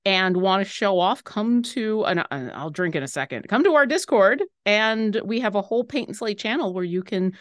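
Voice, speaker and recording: A woman's voice: medium pitch, lively intonation, normal speed, hardly any pauses, no room sound, clean studio sound. A woman co-hosting and learning on a painting live stream, bubbly and thinking aloud as she chats. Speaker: co-host and painting student. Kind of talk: casual live stream chat.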